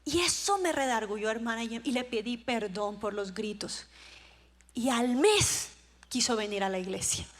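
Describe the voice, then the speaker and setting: A woman with a Costa Rican accent preaching a sermon, telling stories with lively swings from hushed to loud. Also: fairly high pitch, normal speed. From Costa Rica. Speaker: conference speaker. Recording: long hall reverb.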